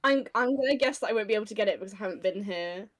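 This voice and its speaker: A woman's voice: mid-range voice, racing. A woman player in a tabletop role-play, hesitant and stammering as she speaks in character.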